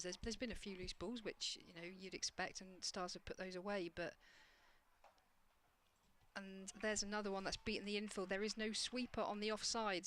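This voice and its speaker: A woman giving live cricket commentary, measured and analytical, reading the play ball by ball. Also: medium pitch, a bit bright, a little hiss or hum.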